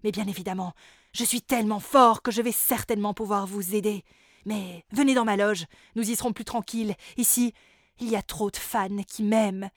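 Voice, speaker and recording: A woman's voice: mid-range voice, steady tone, normal speed, no echo, studio quality, natural voice. A woman voicing a vain, boastful male elf boy-band singer in a children's storybook, with a pompous, self-admiring manner. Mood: smug. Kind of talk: storybook character voice.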